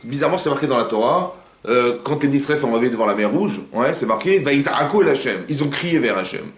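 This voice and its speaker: A rabbi leads a casual Torah class in the living room of a private home, speaking fast and with energy while throwing rhetorical questions at his audience. His voice is medium in pitch, and the recording has a roomy, at-home sound.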